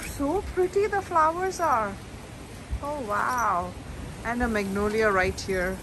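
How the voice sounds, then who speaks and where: A middle-aged woman from India talks into her phone held at arm's length, rambling in a relaxed, chatty way full of fillers and restarts. The phone video picks up clear background noise from a car and the outdoors. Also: on the high side, slow. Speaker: vlogger. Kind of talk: casual travel vlog. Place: outdoors, in a car and in a small cottage. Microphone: phone camera at arm's length.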